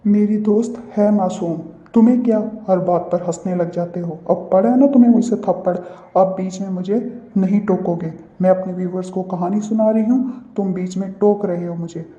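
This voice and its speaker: A man's voice: high-pitched, normal speed, mellow, lightly acted. A man voicing a bossy, quarrelsome young woman in a cartoon who keeps scolding and repeating herself. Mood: indignant. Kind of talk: cartoon voice acting. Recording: roomy, dull lo-fi recording.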